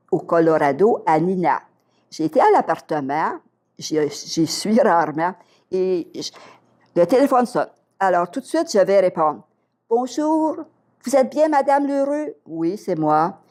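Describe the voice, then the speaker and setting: Older lady w/ a québécois accent, retired teacher spinning a yarn, slightly low voice, acts out all the dialogue. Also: a little slow. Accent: Québécois French. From Quebec. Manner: lively storyteller, acts out dialogue. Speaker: interview guest, retired teacher. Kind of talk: storytelling in an interview.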